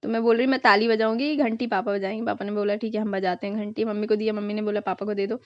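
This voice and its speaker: A woman's voice: mid-range voice, flat delivery, quick pace, dry recording, muffled recording. A young woman vlogger narrating her family's festival video in a casual, chatty way, dropping in English words now and then.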